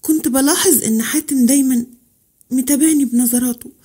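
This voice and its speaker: A woman's voice: high-pitched, brisk, warm tone, breathy edge. A woman with an Egyptian accent telling a first-person story in an intimate, confessional way. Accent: Egyptian Arabic.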